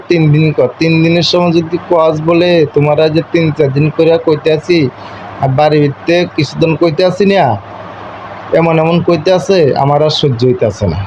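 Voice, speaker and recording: Slightly high and darkish, with a steady tone and a slightly slow pace, a young husband's voice comes through a muffled call with faint noise. In an eastern Bengali regional dialect, he lectures his wife in an informal argument, repeating himself insistently and domineeringly.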